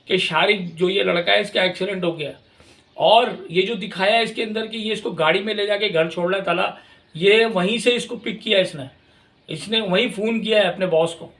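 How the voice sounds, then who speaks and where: A high-voiced man, his tone gravelly and full of fry. He runs his own channel, rambling through an opinionated, repetitive review of a television drama. He sits a little back from the mic. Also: moderate pace, a bit bright, recorded from a distance. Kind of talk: casual drama commentary.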